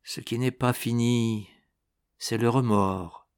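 An anguished old woman consumed by guilt, voiced by a male reader, who drags out her words slowly. She is a character from a storybook. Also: mid-range voice, fairly even intonation, clear, resonant tone, lightly acted. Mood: grave. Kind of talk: storybook reading.

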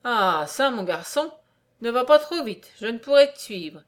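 A woman's voice: a little high, lively intonation, unhurried. A woman voicing a fussy old man on crutches. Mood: fatherly. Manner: fussy, fatherly, exclaiming.

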